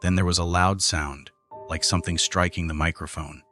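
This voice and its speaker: A man reading a scripted first-person horror story in a measured, even way. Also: low voice, faint music behind. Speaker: narrator.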